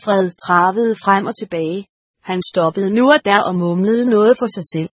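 Husky woman reading a story. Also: medium pitch, dry recording, studio quality. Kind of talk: audiobook narration.

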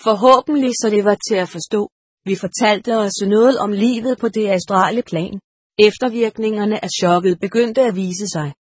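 A woman's voice: medium pitch, slightly rough, no echo, clean studio sound. A woman narrating a story aloud, reading the dialogue with only slight voice changes. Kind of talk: audiobook narration.

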